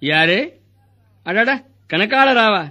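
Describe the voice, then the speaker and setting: An actor playing a scheming, greedy hospital doctor in a stage comedy, firing off rustic wisecracks. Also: male voice, high voice, animated, pushed and bright, heavily acted. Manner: rapid wisecracking, rustic dialect.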